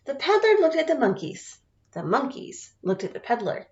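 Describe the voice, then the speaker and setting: A woman teacher reading a picture book aloud to children, expressive and often asking them questions. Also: high-pitched, moderate pace, reverberant. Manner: expressive, asks listeners questions. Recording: dull lo-fi sound.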